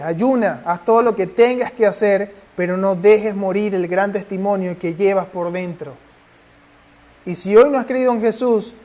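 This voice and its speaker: A man's voice: high-pitched, a little mellow. A man preaching a sermon and then leading a prayer, pressing his listeners with urgent rhetorical questions.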